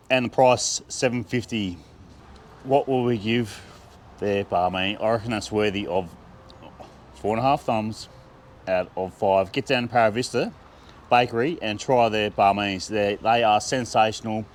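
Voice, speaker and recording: Chatty Australian man reviewing food. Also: on the low side. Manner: chatty, enthusiastic, laughs often, talks while eating. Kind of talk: casual food review vlog.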